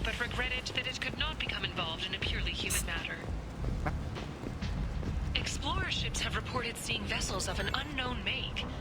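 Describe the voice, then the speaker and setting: An actress voices a female news announcer in a science fiction game. She reads formally at a medium pitch, with loud music behind the bulletin. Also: natural voice, low-quality recording.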